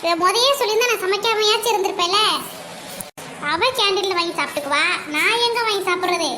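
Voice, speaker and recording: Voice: fast, bright, forceful tone. A performer voicing a fussy, nagging cartoon mother who grumbles at her daughters. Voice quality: very high, thin cartoon voice. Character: fussy mother scolding her daughters, middle-aged woman. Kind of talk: Tamil cartoon comedy dubbing. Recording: audible background noise.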